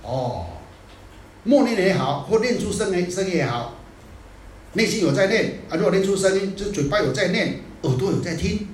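Lively Buddhist teacher in an echoey room. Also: male voice, high voice, moderate pace, slight background noise. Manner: scolding, lively, mixes in English phrases. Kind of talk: dharma talk. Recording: echoey room, distant mic.

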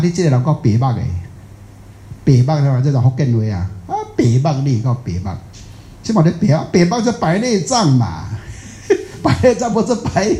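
Taiwanese mandarin guy rambling thru a buddhist teaching, very dark mellow voice, echoey room. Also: mid-range voice. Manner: rambling, folksy, asks the audience questions. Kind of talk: dharma talk to a live audience.

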